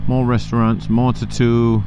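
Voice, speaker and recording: A man's voice: medium pitch, little pitch movement, unhurried. A man from Denmark talking casually through a helmet mic while riding a motorcycle through city streets at night, rambling with many restarts. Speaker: motovlogger. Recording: wind and traffic noise from a moving motorbike.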